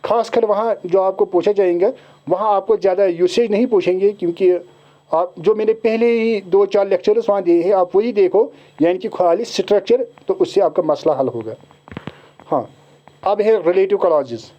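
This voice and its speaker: Man, kashmiri accent, teacher explaining a syllabus, high voice, dull lo-fi recording. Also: mellow. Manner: switches into slow, deliberate English. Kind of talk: explaining an exam syllabus to students.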